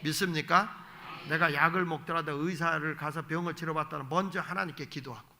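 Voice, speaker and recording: Forceful, folksy male preacher. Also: on the high side, steady tone, a little fast, creaky. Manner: folksy and emphatic, acting out little dialogues; blunt, joking asides to the congregation. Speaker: guest pastor. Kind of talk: evening sermon.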